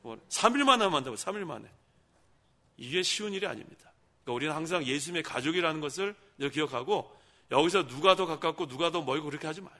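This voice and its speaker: A man's voice: on the high side, animated, fast, bright, forceful tone. A middle-aged male pastor giving a conversational sermon in a church sanctuary. He keeps asking the congregation questions and then answering them himself.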